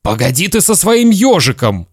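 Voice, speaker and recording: A man's voice: fairly high pitch, very animated, unhurried, dry recording, clean studio sound, pitched above the performer's own voice. A man reading a children's story aloud, voicing a nervous father who questions his son sternly. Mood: alarmed. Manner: stern, interrogating, then pleading. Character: flustered, nervous father, growing frantic.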